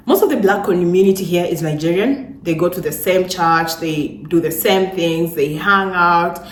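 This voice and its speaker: A young Kenyan-accented woman vlogging straight to her phone in a small room, her voice sitting a little low for a woman. She chats casually with plenty of "like", drifting from soft and wistful to loud and lively. The room is echoey, with a faint hiss underneath. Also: moderate pace. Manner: chatty, lots of "like", swings from soft and wistful to loud and animated. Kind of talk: casual chat to camera. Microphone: phone or camera on a stand.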